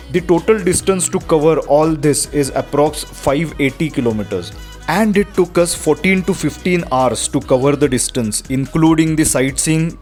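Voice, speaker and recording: A man with an Indian accent narrating a travel vlog from a script. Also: a little high. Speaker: travel vlogger. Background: music.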